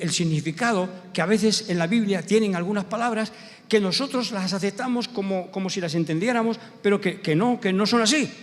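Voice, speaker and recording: A male pastor with a Spanish accent from Spain, preaching a sermon as an animated storyteller who builds to emphatic, slow preaching. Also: sits high. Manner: animated storyteller who acts out quoted voices. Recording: long church hall reverb.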